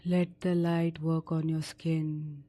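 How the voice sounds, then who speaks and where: Guiding listeners toward sleep, a woman speaks in a low, warm voice with little pitch movement. She is calm and unhurried, giving brief instructions separated by long pauses.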